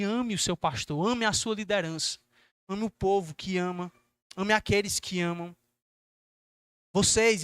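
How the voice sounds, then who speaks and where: A young man preaching a youth service sermon, earnest and exhorting, acting out gentle questions to his listeners. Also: high-pitched, dry recording, clean studio sound.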